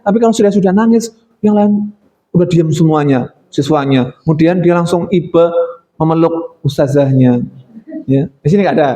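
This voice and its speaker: A man's voice: high-pitched, a little mellow, rough recording. A middle-aged male teacher, giving an informal training talk to colleagues, chatty with many fillers and acting out quotes.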